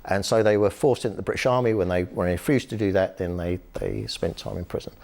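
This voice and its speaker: Guy with a lowish voice going through history stories, lots of uh and um, chatty. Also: fast talker, vocal fry. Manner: lively storytelling with frequent fillers and restarts. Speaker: author and human rights activist, guest. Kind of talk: conversational history interview.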